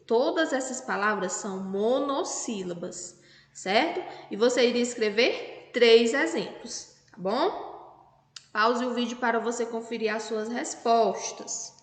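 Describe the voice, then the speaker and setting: A Brazilian Portuguese woman teaching young children a lesson, talking slowly and patiently and spelling words out syllable by syllable. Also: on the high side, a bit bright. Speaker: primary school teacher. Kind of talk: recorded remote class lesson. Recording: echoey room with long reverb.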